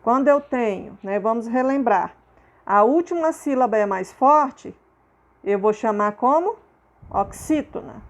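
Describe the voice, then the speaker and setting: A woman's voice: on the high side, expressive, measured pace, muffled recording. A woman teacher with a Brazilian Portuguese accent explains homework step by step to children, often checking in with "né?" and "ok?". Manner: patient, repeats terms and checks in with "né?" and "ok?".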